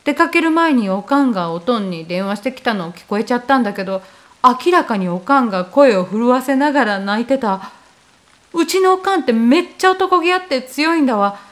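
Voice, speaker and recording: A woman's voice: a little high, lively intonation, brisk. A woman reading a first-person horror story aloud in a casual, conversational way. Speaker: ghost story reader.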